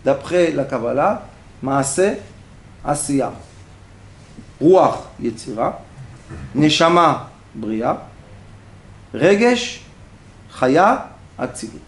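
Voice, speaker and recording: A man teaching a religious lesson to an audience, acting out little everyday scenes with animated, laughing delivery. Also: fairly high pitch, drawn-out words, pauses often, reverberant. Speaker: rabbi teaching a class. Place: classroom.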